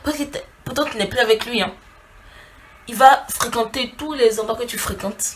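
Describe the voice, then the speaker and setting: A woman's voice: on the high side, normal speed, a little hiss or hum. A woman vlogger giving casual relationship advice to camera, speaking straight to her female viewers and acting out little scenes as she goes. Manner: speaks directly to a female audience as "tu".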